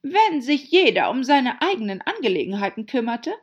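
A woman voicing a harsh, bossy noblewoman with a hoarse growl, snapping her words out rudely in an audiobook. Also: fairly high pitch, sing-song, dull audio, voice pushed up. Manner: snappish, rude, drawn-out words. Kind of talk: audiobook character voice.

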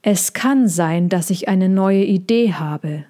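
The calm boss of a travelling show in a children's storybook, unbothered and quietly scheming, as a woman reader voices him. He speaks slowly and musingly, close to the reader's own mid-range voice. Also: medium pitch, natural voice. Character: calm, scheming man who runs the show. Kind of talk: storybook reading.

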